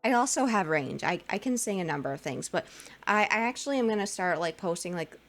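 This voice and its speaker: A VTuber streamer in her twenties chats casually with live-stream viewers, rambling with fillers and giggles. She puts on a lighter, feminized voice above her own low one, speaking briskly with lively intonation over faint music.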